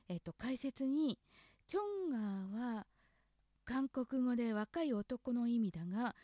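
A woman's voice: medium pitch, dark tone, no echo, clean studio sound. A woman from Hokkaido hosting a casual spoken lesson on local dialect words, thinking aloud and questioning herself as she goes.

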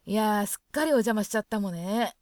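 A woman's voice: mid-range voice, lively intonation, a little fast, a little mellow, dry recording, studio quality, lightly acted. A woman voicing a grateful female guest with a Hokkaido dialect who keeps apologizing for the trouble. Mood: apologetic, grateful.

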